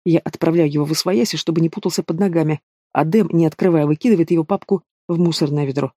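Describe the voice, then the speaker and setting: A man narrating a first-person dramatic audiobook in a steady reading voice. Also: on the high side, quick pace, dry recording, clean studio sound.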